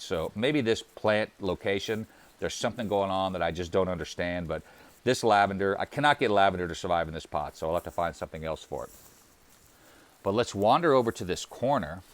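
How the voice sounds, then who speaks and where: A man hosting a gardening channel, walking through his outdoor deck plants in an easygoing, plainspoken way with casual fillers. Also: sits low. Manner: relaxed, friendly, plainspoken with fillers. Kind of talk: casual garden tour walkthrough.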